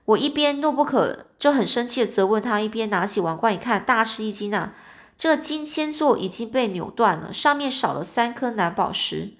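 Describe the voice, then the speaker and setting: A woman reads a storybook aloud with a slightly high voice. Her telling is loose and chatty. She fills it with little particles and sometimes restarts her words. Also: expressive, normal speed. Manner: chatty, with fillers and small slips. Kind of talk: reading a storybook aloud in a loose spoken retelling.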